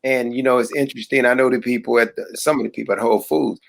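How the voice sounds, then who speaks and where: A man's voice: mid-range voice, fairly even intonation, fast, vocal fry. Male podcast host, chatty, keeps firing questions, medium voice. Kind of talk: casual interview talk.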